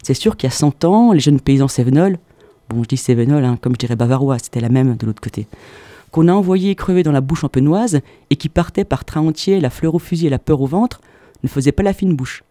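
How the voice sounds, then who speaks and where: A man's voice: on the high side, animated, fairly quick, warm tone, no room sound. A man from southern France delivering a mock-serious, ironic radio comedy chronicle full of rambling asides, into a studio microphone. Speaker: radio columnist.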